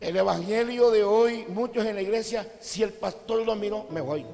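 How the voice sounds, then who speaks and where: Male Colombian coastal preacher, high-pitched, storytelling sermon with shouted peaks; long hall reverb. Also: normal speed, gravelly. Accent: Colombian Caribbean coast. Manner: storytelling, acting out quotes, rising to shouts. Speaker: apostle preaching. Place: large church cathedral. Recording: long church reverb with faint music.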